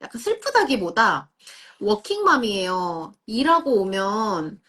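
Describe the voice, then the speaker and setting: A woman's voice: mid-range voice, sing-song, unhurried, pushed and bright. A woman hosting a live-stream parenting Q&A, reading out viewer questions and answering with short agreeing murmurs.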